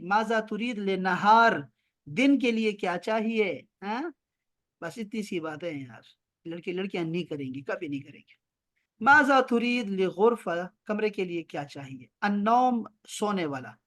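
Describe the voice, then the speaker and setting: A man teaching Arabic in an online class over a video call, drawing out the Arabic phrases slowly and explaining them briskly, often teasing his students. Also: sits high, a bit bright. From Pakistan. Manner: slow drawn-out Arabic examples, brisk explanations.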